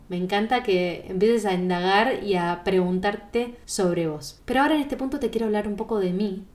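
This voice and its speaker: A woman singing teacher with a Rioplatense Spanish accent, giving a podcast monologue in a calm, explanatory way and speaking straight to the listener. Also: mid-range voice.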